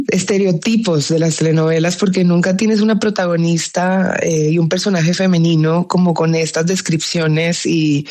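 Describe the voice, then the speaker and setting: An actress guest, a young adult woman from Colombia with a paisa accent, answers interview questions thoughtfully, with many fillers and restarts. Her voice is lowish and a little mellow.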